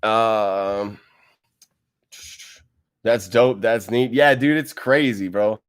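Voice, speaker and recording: A livestream host with a fairly low, clear, resonant voice talks very slowly from a wide room at home. Sitting close to his desk mic, he rambles, laughs often, and reads viewers' comments in a laid-back manner.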